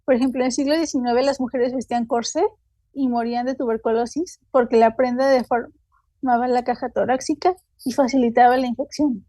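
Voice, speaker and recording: A woman's voice: on the high side, fairly even intonation, mellow, no echo. A woman with a Mexican Spanish accent giving a seminar talk, hesitant and full of fillers. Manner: halting, many fillers like "este" and "eh". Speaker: seminar speaker. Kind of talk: academic talk, loosely read.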